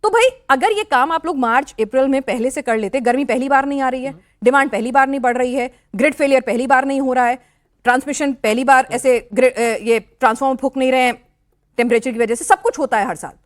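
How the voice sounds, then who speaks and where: Firm high-voiced woman news anchor. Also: fast. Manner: firm, interrupts to keep order. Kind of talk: moderating a TV debate.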